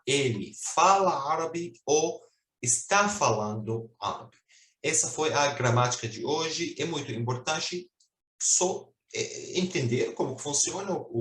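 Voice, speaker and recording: Um homem dando uma aula de língua online, com paciência e repetindo palavras devagar para os alunos praticarem. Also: male voice, mid-range voice, a bit bright, reverberant. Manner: patient, repeats words slowly for drilling. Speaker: Arabic teacher. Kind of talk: online language lesson.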